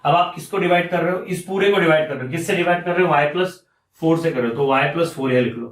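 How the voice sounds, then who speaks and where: Speaking fast in an echoey room with a distant mic, a man with a high-leaning voice walks through a maths lesson on the board. Each step gets repeated, and he raises questions only to answer them himself.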